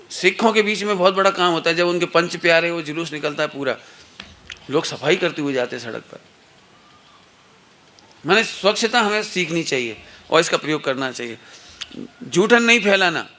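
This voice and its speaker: A man's voice: on the high side, bright, forceful tone. A middle-aged man giving a satsang talk to children and parents, telling anecdotes and playfully acting out the people in them. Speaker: religious teacher.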